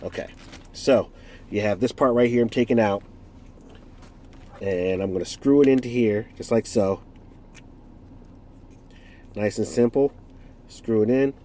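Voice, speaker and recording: An American man in his forties reviews a product casually, his nose stuffed up from a cold. His mid-range voice is mellow and a little slow, with long pauses, and he rambles, self-corrects, and cracks jokes along the way.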